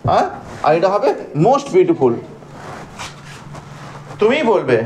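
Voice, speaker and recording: A high-pitched male teacher with a Bengali accent runs a grammar class. He calls students by name and asks them questions. He stretches words out to count their syllables, over a light background hiss. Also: wildly swooping pitch, unhurried, darkish tone. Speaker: English teacher.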